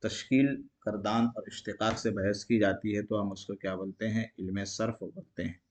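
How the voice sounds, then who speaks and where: A man's voice: fairly low pitch, fairly even intonation, normal speed, darkish tone, slight background noise. A man teaching an exam-prep grammar lesson, asking each question aloud and answering it himself in a repetitive call-and-response way.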